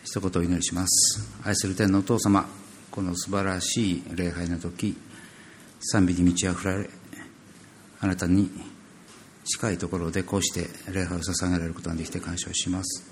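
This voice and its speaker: A man's voice: sits low, little pitch movement, moderate pace, a little hiss or hum. A man reading scripture and then leading a prayer in a solemn, earnest manner.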